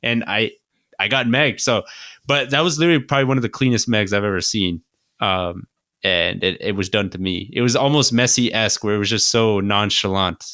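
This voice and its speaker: A young man co-hosting a podcast, relaxed and rambling in casual chat. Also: on the low side, brisk, no room sound, clean studio sound. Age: young adult. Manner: laid-back, rambling tangents. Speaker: podcast co-host.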